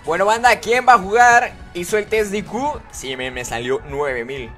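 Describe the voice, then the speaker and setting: A male gaming streamer with a slightly high voice, chatting casually and cracking jokes to his live audience. Quiet music plays underneath him. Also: animated, moderate pace. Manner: chatty and joking, talks straight to viewers.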